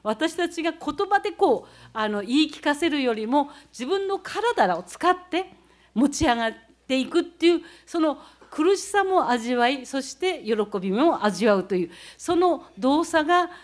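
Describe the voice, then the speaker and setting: A woman's voice: high voice, sing-song, unhurried. A woman from the Tohoku region of Japan giving a talk, explaining techniques step by step as she demonstrates them. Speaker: speaker recounting leading a student climb.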